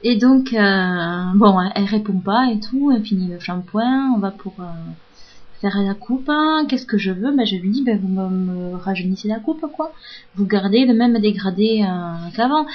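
A woman's voice: medium pitch, lively intonation, normal speed. A woman telling a casual story in a frank, profane, self-mocking monologue. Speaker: audio blogger. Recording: dull lo-fi audio.

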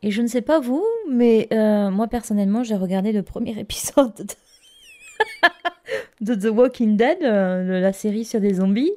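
A woman's voice: medium pitch, normal speed, hardly any pauses, warm tone. Casual French woman telling a story. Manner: casual storytelling with frequent fillers and repeated catchwords. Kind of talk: comic personal anecdote.

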